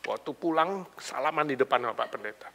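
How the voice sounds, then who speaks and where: A male pastor preaching a sermon and telling a story, moving between hushed asides and loud emphatic bursts, with casual slang mixed in. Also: medium pitch, animated, fast. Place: church sanctuary.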